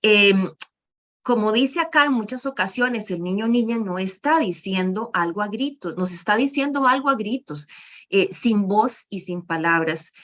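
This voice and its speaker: Woman, lecture to professionals, mid-pitched voice, many fillers and "¿verdad?", dull lo-fi audio. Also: expressive, normal speed, fairly bright tone. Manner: frequent "¿verdad?" tags and fillers. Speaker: lecturer on child behavior. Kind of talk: presentation to professionals. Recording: muffled lo-fi recording.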